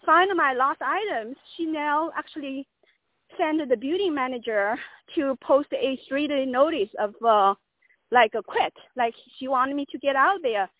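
High-voiced woman caller on tinny phone line. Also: a little slow, no echo. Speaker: caller making a complaint. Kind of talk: unscripted phone complaint.

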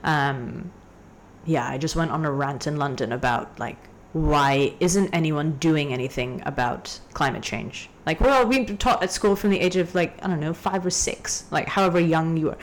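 A young woman from Hong Kong telling a story in a casual podcast chat, ranty and animated. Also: low voice, moderate pace, a little hiss or hum. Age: young adult. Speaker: guest.

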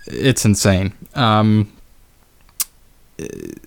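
A man's voice: on the low side, sing-song, extremely slow, vocal fry. A man hosting a solo podcast in a casual, conversational way, with plenty of fillers and wry, sarcastic asides. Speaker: podcast host.

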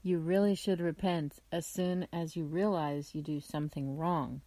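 Woman doing a caring mom, lower voice, calm and firm, storybook, dry sound. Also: normal speed, dry recording. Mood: gently firm. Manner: calm, low, gently firm. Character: caring mother, gentle but firm.

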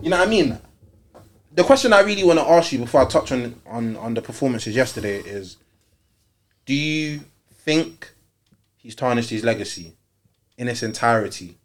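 A man's voice: mid-range voice, animated, moderate pace, pauses often. A man with an urban London roadman accent hosting a casual football debate, emphatic and repetitive, full of street slang and rhetorical questions. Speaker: football show host.

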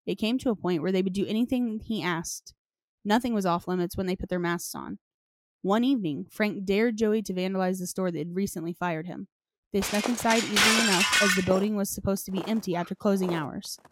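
A woman hosts a podcast, shifting between dramatic story reading and casual, playful chat. Her mid-range voice moves fairly quickly with no room sound. The recording is clearly noisy and marked by clicks.

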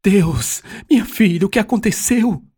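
A middle-aged wife presses her husband with questions, a little reproachful, as a male narrator voices her. The voice stays low and husky in this audiobook reading. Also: animated, normal speed. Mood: alarmed. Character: middle-aged wife and mother, probing and worried.

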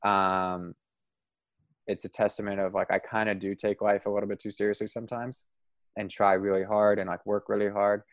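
Man, podcast host, casual interview chat, rambling, low voice, dry close sound. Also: moderate pace, no echo. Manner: relaxed, rambling, laughs easily.

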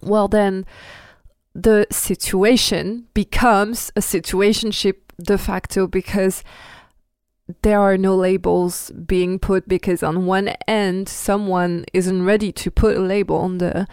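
A woman's voice: medium pitch, little pitch movement, takes it slowly, a little mellow, clean tone, no room sound. A woman hosting her own podcast, talking frankly and playfully in a casual monologue, often laughing and correcting herself as she goes. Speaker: podcast host.

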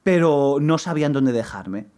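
A young man chatting on a podcast, rambling through his own stories. He stumbles and restarts often, then jumps into lively retellings, voicing the people in his story. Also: fairly high pitch, measured pace. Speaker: podcast co-host. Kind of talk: casual chat, storytelling.

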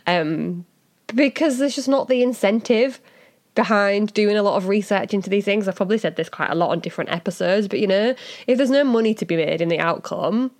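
A woman's voice: mid-range voice, fairly quick, darkish tone. A woman with a Hull accent talking casually as a podcast host, explaining things in a chatty, informal way with frequent asides.

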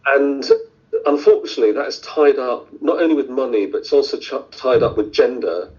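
A man's voice: medium pitch, a little fast, darkish tone. A middle-aged man from India, a surgeon answering interview questions in a thoughtful way, with many fillers and restarts. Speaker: surgeon guest. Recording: dull lo-fi audio.

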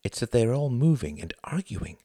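A man reading a calm, wry young Englishman. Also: medium pitch, normal speed, no room sound, studio quality, pitched above the performer's own voice.

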